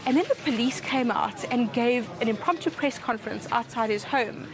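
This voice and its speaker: A woman giving a thoughtful interview, pausing and restarting as she reasons. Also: on the high side, noisy background. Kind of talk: reflective interview.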